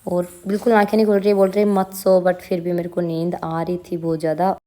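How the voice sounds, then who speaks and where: Young female vlogger, casual chatty narrator, low even mellow voice. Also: quick pace. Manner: chatty, addresses viewers as guys.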